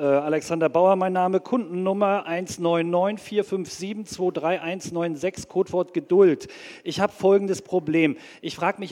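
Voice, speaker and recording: An actor playing an anxious, earnest bank clerk who rambles hesitantly as a polite caller in a comedy sketch. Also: male voice, high-pitched, darkish tone, long reverb tail, natural voice. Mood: pleading.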